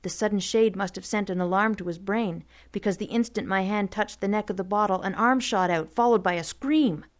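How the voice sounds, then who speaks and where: A woman narrating a first-person story as an audiobook, steady and vivid. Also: mid-range voice, brisk, hardly any pauses.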